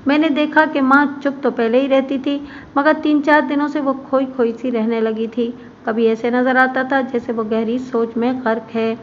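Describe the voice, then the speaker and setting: A woman reading a crime story aloud in a steady, even storytelling manner. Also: fairly high pitch. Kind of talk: scripted narration of a crime story. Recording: muffled with faint background hiss.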